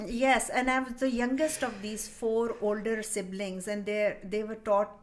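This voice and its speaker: Middle-aged female guest, Pakistani accent, relaxed conversational anecdotes. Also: mid-range voice, a little slow, slight background noise. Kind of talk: casual conversational storytelling.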